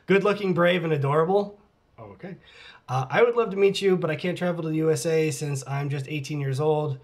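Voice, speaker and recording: At home with his cat, a middle-aged channel host casually reads out fan comments and answers them, laughing often and slipping into muttered asides. His voice is on the high side, and he talks a little fast.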